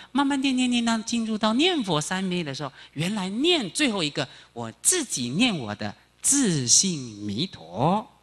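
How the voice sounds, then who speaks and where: A male Buddhist monk giving a sutra lecture, animated, chanting phrases slowly and quizzing the audience. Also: on the high side. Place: lecture hall.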